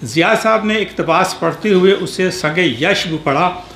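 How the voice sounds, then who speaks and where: A man reading a formal, prepared tribute speech at a memorial gathering, measured and careful, with a few small restarts. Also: high-pitched, fairly bright tone. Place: reception hall at an embassy. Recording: echoey hall with faint background noise.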